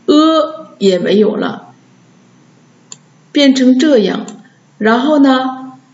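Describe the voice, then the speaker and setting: Woman language teacher, slow drawn-out model words, raised voice, echoey room, dull lo-fi sound. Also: fairly high pitch, a little mellow. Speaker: Chinese teacher. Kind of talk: pronunciation lesson.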